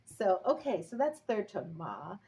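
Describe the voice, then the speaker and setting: A woman's voice: mid-range voice, normal speed, dark tone, poor audio. A woman whose first language is English, teaching a casual lesson in a chatty, upbeat way and singing out example tones. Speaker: language and tai chi teacher.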